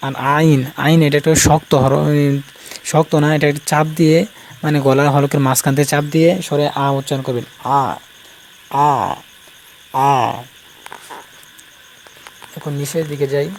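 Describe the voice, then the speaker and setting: Male teacher, slightly high voice, slow repetitive drilling, faint crickets and ambient noise behind. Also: flat delivery, darkish tone, rough recording. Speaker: Quran recitation teacher. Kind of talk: informal spoken lesson.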